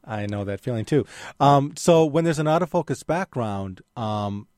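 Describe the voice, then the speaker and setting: Man, middle pitch, relaxed explainer, dry close studio sound. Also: normal speed, dry recording. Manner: explanatory, relaxed, many fillers. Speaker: radio guest expert on photography. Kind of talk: casual call-in radio chat. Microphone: studio microphone.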